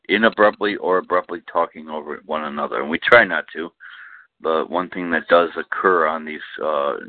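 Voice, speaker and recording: Deep-voiced man on a phone line. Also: no room sound. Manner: rambling, laughs between remarks. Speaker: call-in show participant. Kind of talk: casual group call chat.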